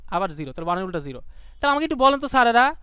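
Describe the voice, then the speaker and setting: Fast-talking man teaching live. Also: very high voice, very animated, bright, forceful tone, clear, resonant tone, dry recording, studio quality. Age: young adult. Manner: quick, colloquial, asks students questions. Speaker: online tutor. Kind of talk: live online class lecture.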